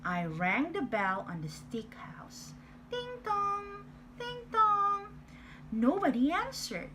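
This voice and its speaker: A woman's voice: fairly high pitch, big pitch swings, measured pace, soft background music, poor audio. A woman voicing a sly male wolf who tells his own side of a storybook tale in a playful, exaggerated way. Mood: self-justifying. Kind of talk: storybook reading.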